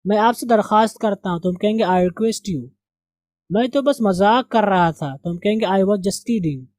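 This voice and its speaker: Man slowly drilling pronunciation, dry sound. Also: high-pitched, darkish tone, dry recording. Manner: slow, deliberate drilling of word pronunciation. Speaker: English teacher. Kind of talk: classroom lesson.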